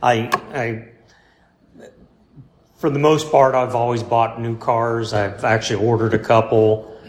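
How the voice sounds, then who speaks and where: A man's voice: medium pitch, flat delivery. Give me a rambling man being interviewed, in a roomy space. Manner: rambling, halting, many fillers and restarts; self-deprecating, laid-back. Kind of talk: casual interview. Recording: roomy with faint background hum.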